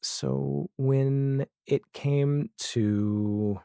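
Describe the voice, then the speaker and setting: Very slow and steady, this man's medium-pitched voice is creaky and dark yet clear and resonant, recorded at studio quality with no room sound. In his forties, he is an interview guest who writes comedy and audio drama, and he reflects casually with a wry way of telling things.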